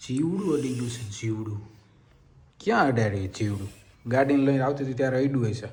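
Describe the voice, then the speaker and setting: A man's voice: mid-range voice, expressive, fast talker, darkish tone. A young man with a Saurashtra Gujarati accent vlogging casually, playful and teasing. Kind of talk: casual family vlog.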